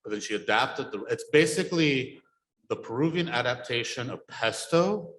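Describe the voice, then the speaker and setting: A man's voice: medium pitch, lively intonation, moderate pace, a bit bright, a little hiss or hum, low-quality recording. A man born in Peru and raised in Miami, a food writer answering on a panel in a chatty, hesitant way with many fillers.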